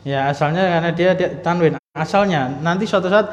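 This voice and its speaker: A man's voice: a little high, brisk. A man teaching an Arabic class in a mosque, explaining step by step and asking the class questions. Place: mosque hall. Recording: echoey hall, dull lo-fi sound.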